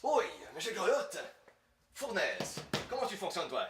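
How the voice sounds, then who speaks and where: Man acting shivering, pompous rich guy, high-pitched. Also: huge pitch swings, measured pace, far from the mic, heavily acted. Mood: freezing, baffled. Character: vain, whiny, helpless male millionaire, shivering with cold. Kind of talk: parody comedy monologue. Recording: roomy echo, faint noise.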